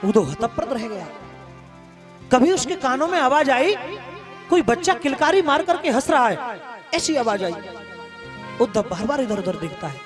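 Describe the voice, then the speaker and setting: A male religious storyteller narrating a devotional story in an impassioned, rhythmic way with much repetition. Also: extremely high pitch. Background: instrumental music.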